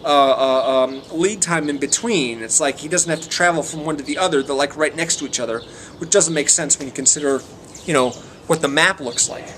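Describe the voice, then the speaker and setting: Higher-voiced man rambling, with background noise. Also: a little fast, a bit bright. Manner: hesitant, meandering, often trailing off. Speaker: amateur movie reviewer. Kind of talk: casual rambling film review.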